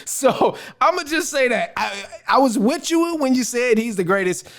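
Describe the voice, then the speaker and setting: A man's voice: very high voice, expressive, normal speed, a bit bright. A man hosting a sports talk show, giving casual, slangy opinions with emphatic repetition. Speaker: sports show host answering voicemails.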